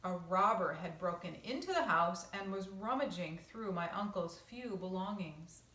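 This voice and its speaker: A woman's voice: lowish voice, animated, moderate pace, sharp tone. Woman teacher reading aloud, distant and echoey. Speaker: teacher reading a picture book to her class. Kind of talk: read-aloud storytelling with casual asides to children. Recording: roomy echo, distant microphone.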